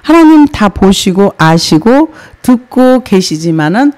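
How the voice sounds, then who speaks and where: A woman's voice: mid-range voice, very animated, measured pace, a little mellow. Conversational woman pastor preaching. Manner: conversational, rhetorical questions, acts out quotes. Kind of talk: sermon.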